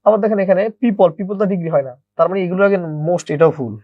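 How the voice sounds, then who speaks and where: A man's voice: high-pitched, very fast, dry recording, phone-quality sound. A man teaching an English grammar lesson, often repeating his own questions and answering them. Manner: repeats questions and answers them himself, calls listeners brother.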